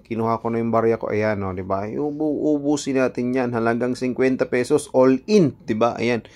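A man's voice: mid-range voice, normal speed, darkish tone. A man vlogging casually at an outdoor night carnival, joking about himself and laughing often, recorded on a phone camera. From Philippines. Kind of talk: casual vlog narration.

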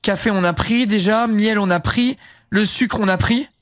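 Young male streamer, high voice, rambling casual chat, dry close sound. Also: moderate pace, a bit bright, no room sound. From southern France. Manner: rambling, heavy fillers, casual swearing. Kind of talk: casual live-stream chat while gaming.

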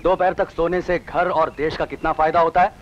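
A man's voice: a little high, fairly even intonation, fairly quick, lo-fi sound, slight background noise, close to an everyday voice. An actor playing a cheeky, defiant unemployed young man in a dubbed film, swinging from angry speeches to teasing banter. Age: young adult. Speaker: lead in a dubbed action film. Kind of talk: Hindi film dub acting.

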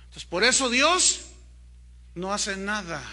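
A Mexican pastor with a Mexican Spanish accent preaching a sermon, swinging from loud questions to hushed asides. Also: male voice, high voice, animated, takes it slowly.

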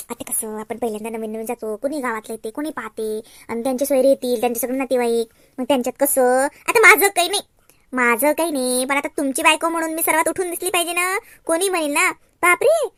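A woman's voice: high-pitched, fast, no room sound, clean studio sound. A woman playing a fussy, chattering young wife with a Varhadi Marathi accent in a cartoon.

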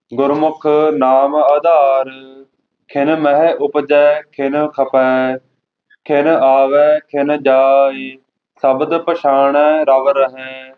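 Man reciting scripture, very slow and flat. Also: medium pitch. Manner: very slow, flat, measured reading line by line. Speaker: student reciter. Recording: tinny phone-like audio.

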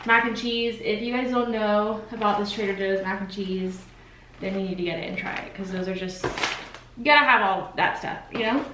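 A young woman speaks at a moderate pace in a mid-range voice, filming her day at home as a lifestyle vlogger. Her chatter is casual and informal, in short phrases as she thinks aloud around the apartment kitchen and rooms. The camera mic, placed a few feet back, makes the sound distant, roomy, and noisy.

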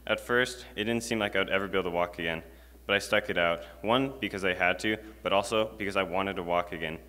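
At a lectern stand mic in a large school chapel with long hall reverb, a teenage boy delivers a prepared talk as a student speaker. His voice is deep and sharp and he talks fast, reading earnestly from notes with casual fillers.

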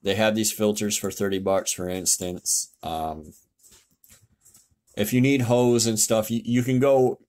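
A man's voice: fairly low pitch, fairly even intonation, unhurried, a little mellow. A man giving a casual, blunt tutorial over a screen share, swearing now and then and correcting himself as he goes. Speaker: car tech YouTuber explaining fuel systems. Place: home, indoors.

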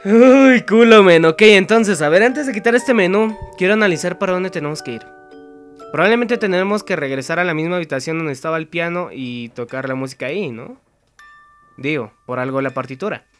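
A man's voice: fairly high pitch, animated, a little fast, faint music behind. A young man with a Mexican accent commenting on a horror game, swearing constantly and talking to himself. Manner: profane, talks to himself, bursts into frightened yelling. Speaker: gameplay commentator.

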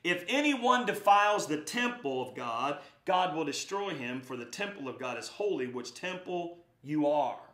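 A man's voice: on the high side, sing-song, moderate pace, hardly any pauses, fairly bright tone, reverberant. A man preaching a sermon, reading scripture aloud and then exhorting his congregation with growing fervor. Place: church sanctuary.

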